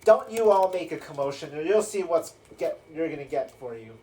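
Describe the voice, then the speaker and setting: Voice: mid-range voice, big pitch swings, fairly quick, background noise, voice pushed up, close to an everyday voice. A man voicing a bossy, threatening spine devil guard. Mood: menacing.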